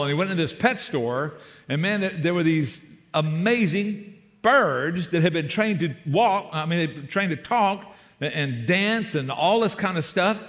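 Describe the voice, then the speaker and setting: A man's voice: fairly high pitch, fairly bright tone, long reverb tail. An older man with a South Georgia accent preaching as a guest pastor, folksy and joking and calling for amens. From Savannah, Georgia. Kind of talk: sermon. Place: church sanctuary.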